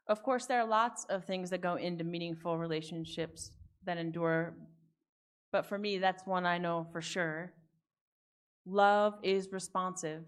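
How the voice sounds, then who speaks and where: Woman pastor preaching at a pulpit microphone. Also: medium pitch. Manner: reflective preaching with chatty personal asides. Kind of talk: sermon. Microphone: speaking at a pulpit microphone.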